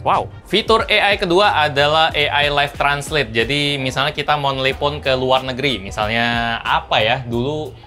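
A man, a tech reviewer talking casually through a phone demo, chatty and quick to laugh. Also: on the high side, faint music behind. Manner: chatty, laughs often, animated bursts.

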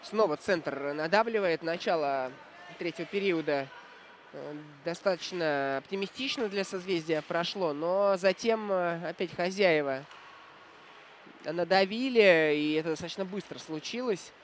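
High-voiced man giving reflective hockey commentary. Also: measured pace, slight background noise. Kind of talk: live play-by-play commentary with analysis.

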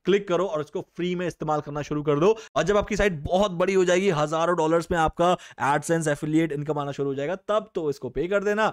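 Young male tutorial host, voice on the high side, casual step-by-step delivery, mixes English phrases in. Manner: casual instructive, addresses viewers as guys; reads typed prompts aloud slowly. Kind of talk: screen-recorded tutorial.

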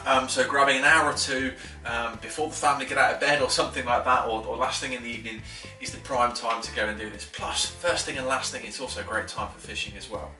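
A fishing instructor in his thirties rattles through a casual tackle tutorial at a wooden living-room table, talking fast with hardly any pauses and plenty of fillers and restarts. His enthusiastic, mid-range voice is bright and forward yet steady in tone. Filmed by a camera a few feet away, the recording is echoey and a bit distant, with faint music beneath.

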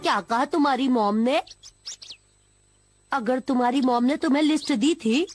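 A woman's voice: high voice, moderate pace. A woman voicing a prim, fussy schoolboy in a Hindi cartoon dub, exasperated and nagging. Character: prim, fussy schoolboy who studies hard. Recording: with loud cartoon music behind.

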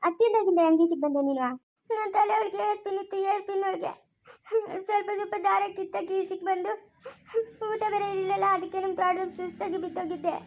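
In a homemade family skit, a woman with a very high-pitched voice plays a mistreated young village woman, speaking with a rural Chikkaballapur Kannada accent. Tearful, she tells her story softly and haltingly through her tears.

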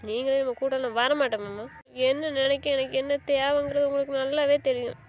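A woman's voice: fairly high pitch, fairly even intonation, a little fast, phone-quality sound, faint music behind, close to an everyday voice. A woman playing a hurt young wife in an amateur drama, scolding and insisting. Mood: angry. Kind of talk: amateur web drama acting.

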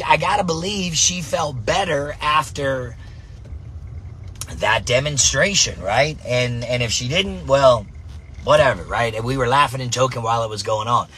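A man coaching softball who talks in an energetic motivational monologue, tagging his points with "right?" and "man", recorded in a car. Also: a little high, a little hiss or hum.

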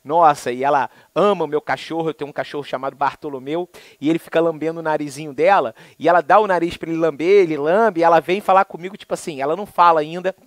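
A man with a Brazilian Portuguese accent teaching a law lesson in a lively, colloquial way, full of anecdotes and acted-out dialogue. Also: quick pace, few pauses, dry recording. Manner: lively, colloquial, acts out dialogue with swings in pitch. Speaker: law lecturer.

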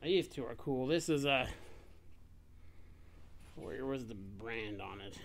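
A man in a workshop casually showing tools he bought, speaking plainly and trailing off quietly at the ends of thoughts. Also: mid-range voice, lively intonation, takes it slowly, noisy background. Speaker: shop owner showing a tool haul. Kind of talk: casual show-and-tell narration. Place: workshop bench.

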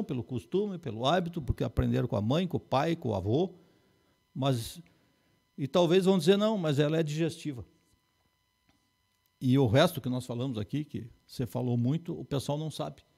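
A forestry engineer in his fifties, speaking Portuguese with a gaúcho accent from Rio Grande do Sul in southern Brazil, appears as a guest in a small TV studio, steadily reciting figures as he explains. His voice is on the high side, with creaky and breathy edges.

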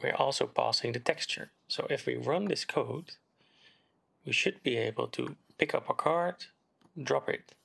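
Keyboard typing and mouse clicks sound behind a gravelly-voiced man, a game development tutor, explaining code in a screen-recorded tutorial. His mid-range voice keeps a measured pace as he types and explains in a relaxed, step-by-step way.

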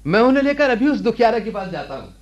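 An actor in a radio play voicing an earnest, caring reformed village laborer. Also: male voice, very high-pitched, very animated, fast talker, highs cut off, soft background music. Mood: indignant. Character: kind reformed village laborer Sappu, man. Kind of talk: radio drama acting.

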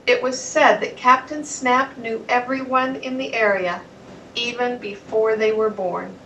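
A woman reading a children's storybook aloud in a plain, steady way. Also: a little high, a little slow, far from the mic, dull audio, slight background noise. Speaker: narrator.

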